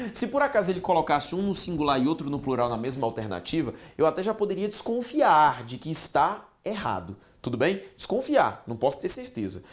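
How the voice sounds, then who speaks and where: A man from Brazil teaching an exam-prep grammar lesson, speaking animatedly and checking in with his students often. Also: medium pitch. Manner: animated, addresses students directly with frequent check-ins. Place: online course studio.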